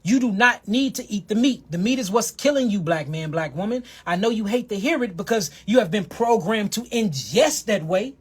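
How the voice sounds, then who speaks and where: Husky man preaching health, emphatic. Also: expressive. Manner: emphatic, repetitive, drawls key phrases slowly, asides in a low mutter. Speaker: herbal health speaker.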